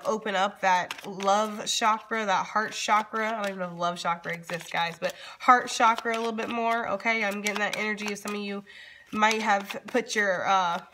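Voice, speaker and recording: Bright-voiced woman reading tarot casually. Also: mid-range voice. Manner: informal, addresses viewers directly, frequently checks in with "okay?". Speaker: tarot reader and channel host. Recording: background noise with card shuffling and clicks.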